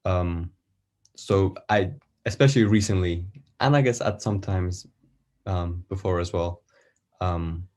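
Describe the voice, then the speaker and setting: A man from Iran, an artist guest on a podcast, speaks in a very low voice. He talks in a relaxed, casual way and searches for his words as he thinks aloud, with frequent pauses and fillers.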